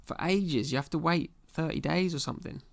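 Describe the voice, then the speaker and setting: A man's voice: on the high side, fairly quick, vocal fry. A young man ranting casually and sarcastically as a podcast host, full of slang and exasperation. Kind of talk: casual comedic rant.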